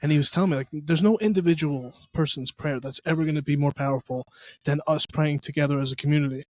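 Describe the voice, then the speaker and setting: Fast-talking New Jersey man. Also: fairly high pitch, a little mellow, no echo. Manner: earnest, rambling, many fillers. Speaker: podcast host. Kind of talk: casual faith chat.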